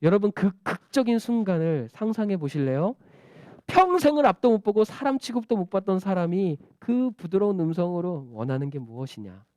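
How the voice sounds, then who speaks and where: Guy telling a bible story to kids, super animated, high voice, dry close mic. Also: a little fast, dry recording. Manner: animated, asking the children questions. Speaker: children's ministry preacher. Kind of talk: storytelling sermon for children.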